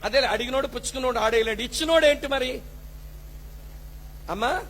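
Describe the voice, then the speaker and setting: A man's voice: very high-pitched, a bit bright. A male pastor, preaching a fervent sermon and scolding the congregation with rhetorical questions.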